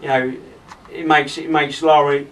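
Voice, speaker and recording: A man giving an informal, halting wedding toast speech, often repeating himself as he addresses the guests. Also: fairly high pitch, little pitch movement. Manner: rambling, halting, repeats phrases. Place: wedding reception, speaking to gathered guests. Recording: distant mic in a noisy room.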